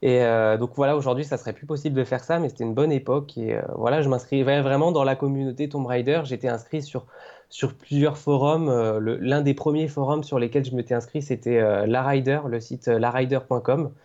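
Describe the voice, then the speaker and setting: A hesitant man speaking as a podcast guest, stumbling over repeated words and fillers. His voice is mellow and dark, heard over dull lo-fi call audio. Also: mid-range voice, fairly even intonation, fairly quick. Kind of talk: casual podcast interview. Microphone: call over Skype.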